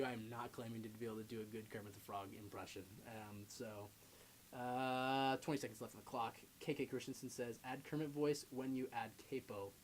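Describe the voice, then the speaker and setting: A man's voice: medium pitch, a little hiss or hum. A man hosting a casual guitar livestream and chatting with viewers, self-deprecating and full of ums. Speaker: guitar streamer host.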